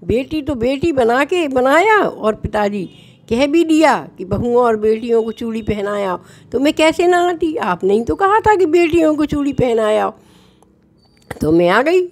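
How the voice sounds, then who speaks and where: A woman voicing a divine young girl who gently reproaches her adoptive father in a devotional story. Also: sing-song, a little slow, heavily acted. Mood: hurt reproach. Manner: high pleading reproach.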